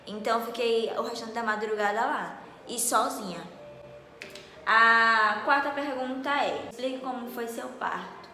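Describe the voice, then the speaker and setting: Bright-voiced teen girl. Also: fairly high pitch, a little slow, a little hiss or hum. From Northeast Brazil. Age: late teens. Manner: animated, dramatic, acts out dialogue loudly. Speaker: vlogger. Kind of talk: casual storytelling to camera. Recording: echoey room with long reverb.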